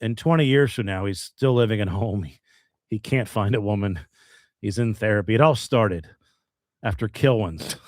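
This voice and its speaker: A man co-hosting a podcast, chiming in with deadpan wisecracks in casual chat. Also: lowish voice, moderate pace, dry recording, studio quality. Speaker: podcast co-host.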